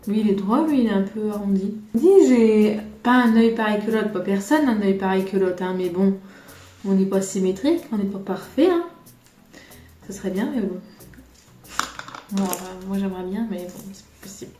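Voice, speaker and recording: A French makeup vlogger chats her way through a casual tutorial filmed on a tripod camera, rambling and making fun of herself. Her voice sits mid-range with a dark tone and a moderate pace. The room sounds spacious, with faint music in the background.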